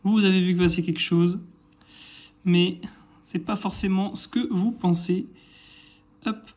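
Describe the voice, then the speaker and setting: A man's voice: sits high, steady tone, a little slow, darkish tone. A man casually chatting through an unboxing video, thinking aloud and correcting himself as he goes. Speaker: card collector showing a purchase.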